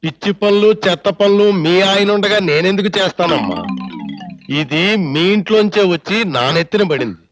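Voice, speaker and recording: A sarcastic older uncle. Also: male voice, sits high, expressive, brisk, faint music behind. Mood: indignant. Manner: sarcastic, mock-grand. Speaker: elderly uncle neighbor. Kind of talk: 1990s film comedy acting.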